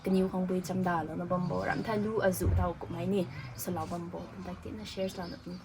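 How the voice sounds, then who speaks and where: A woman hosting a casual talk show interview, mixing in English words and nodding along with soft "mm" sounds. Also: fairly low pitch, level tone, quick pace, noisy background. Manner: mixes in English words, frequent soft "mm" acknowledgements. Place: cafe.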